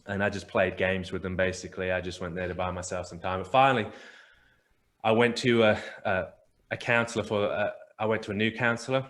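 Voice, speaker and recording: A man's voice: on the low side, fairly bright tone. A man on a podcast as a guest, earnestly telling a personal story and often repeating words as he restarts phrases.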